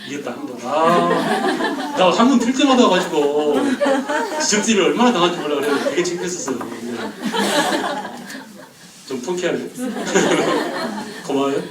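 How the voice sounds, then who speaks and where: A man teaching a history class, firing quick questions at the students and joking with them. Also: on the high side, reverberant, far from the mic, rough recording. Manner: quizzes the class with quick questions, jokes and laughs. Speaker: history lecturer.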